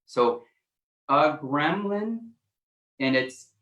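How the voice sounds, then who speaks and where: A man's voice: fairly high pitch, lively intonation, very slow, a bit bright, muffled recording. A man co-hosting a coaching livestream, chatting casually and rambling with plenty of fillers. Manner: rambling, loose, lots of fillers. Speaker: co-host, life coach. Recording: roomy echo.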